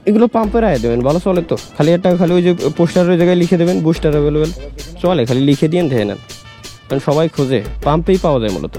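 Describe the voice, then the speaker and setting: A man's voice: on the high side, lively intonation, very fast, mellow, faint music behind. Chatty young man vlogging on the road. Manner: chatty, talks to camera and to people around him. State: has a cold and fever. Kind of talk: casual travel vlog. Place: roadside outdoors, in a car and at a fuel pump.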